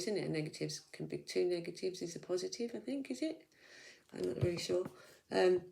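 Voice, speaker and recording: A tarot reader gives a casual weekly reading, chatty and reassuring, thinking aloud as she goes. Her lowish voice carries vocal fry and a hint of a sore throat.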